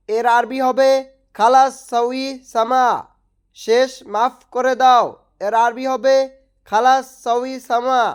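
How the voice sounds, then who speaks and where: Slow, clear woman teaching phrases. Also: high voice. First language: Bengali. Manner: slow, even, repetitive drilling of phrases. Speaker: language teacher. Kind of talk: scripted language lesson narration.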